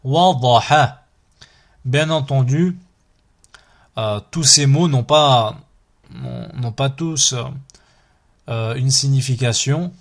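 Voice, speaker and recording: A man leads an Arabic reading lesson, speaking slowly and deliberately. He sounds out syllables and words one at a time. His voice sits at a middle pitch. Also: creaky. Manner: slow, drills syllables one at a time, explains calmly. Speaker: Arabic teacher.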